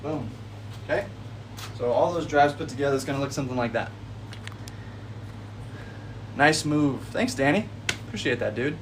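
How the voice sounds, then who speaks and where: A man's voice: mid-range voice, expressive, normal speed, pauses often, background noise. Laid-back twenty-something man, mic at a distance. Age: 20s. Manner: laid-back, friendly, calls viewers buddy and bro. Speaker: golf livestreamer. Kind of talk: casual livestream chat and golf tips. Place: backyard outdoors.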